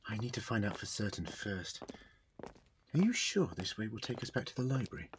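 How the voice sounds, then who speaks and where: An earnest alien time traveller played by a man speaks with very animated, theatrical phrasing in a fan audio drama. He is inquisitive and quick to apologise. There is clear noise on the recording. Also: on the low side. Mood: guarded, resolute.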